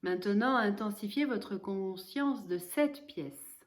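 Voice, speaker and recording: Woman talking you through a relaxation session, real slow and calm, lots of pauses. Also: medium pitch. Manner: slow, soft and calm instructions with long pauses. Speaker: yoga nidra guide. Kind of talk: guided relaxation.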